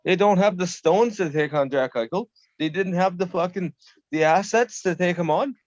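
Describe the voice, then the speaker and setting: A man's voice: high voice, normal speed, no echo. A man co-hosting a casual sports podcast, brash and joking, swearing freely. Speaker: podcast co-host. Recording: dull lo-fi stream audio.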